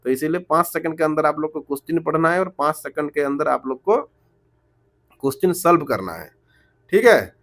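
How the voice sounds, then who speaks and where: A man teaching math, going step by step, slow and repetitive, always asking the class rhetorical questions. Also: on the high side, expressive, fairly bright tone. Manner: switches between Hindi and English terms. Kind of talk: explaining math problems step by step.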